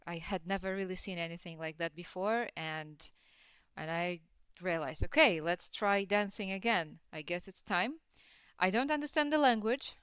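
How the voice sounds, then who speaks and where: A woman's voice: fairly low pitch, fairly bright tone, smooth, no room sound. A young adult woman from Russia, a dance teacher and podcast guest, talking in a hesitant way with many fillers and frequent laughs. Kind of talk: casual podcast interview.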